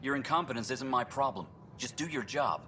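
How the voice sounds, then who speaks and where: A man's voice: mid-range voice, a little fast, bright, forceful tone, recorded from a distance, slight background noise, close to an everyday voice. A man voicing a dismissive male station bureaucrat who talks in a curt, scornful way, in game audio.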